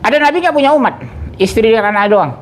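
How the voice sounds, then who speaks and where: A man's voice: extremely high pitch, quick pace, slight background noise. A middle-aged man, a preacher, leading an interactive religious study and quizzing his listeners. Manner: questions the audience, lively, jokes. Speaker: ustadz, preacher.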